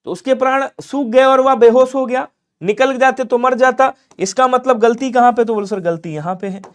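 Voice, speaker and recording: A man runs a live online exam-prep class, his voice sitting high for a man. He quizzes viewers, repeats key points and keeps coaxing them to answer fast. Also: steady tone, clear, resonant tone. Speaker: Hindi grammar teacher.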